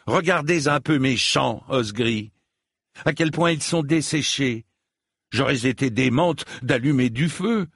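A man's voice: mid-range voice, measured pace, a bit bright, slightly rough, dry recording, clean studio sound, voice pushed up. A man voicing a proud noble widow who speaks in curt commands, in an audiobook reading. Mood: commanding.

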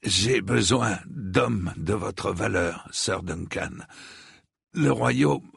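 A man voicing a wounded noble prince with a thick, metallic voice, speaking haltingly. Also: on the low side, gravelly, fairly bright tone, breathy edge, dry recording, studio quality, exaggerated voice. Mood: weary, strained. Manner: halting, stammering speech.

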